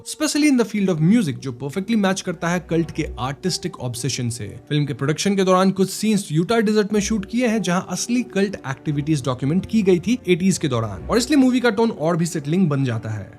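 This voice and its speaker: A man narrates a film breakdown from a script, his voice pitched high and swinging widely up and down. He weaves English terms through his sentences in an animated, expressive delivery. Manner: mixes English words into Hindi.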